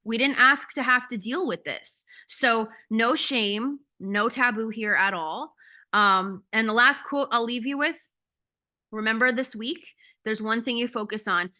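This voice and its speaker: A woman's voice: fairly high pitch, unhurried, sharp tone. A woman coach giving a casual, candid talk on a video call, blunt and swearing freely. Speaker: ADHD coach.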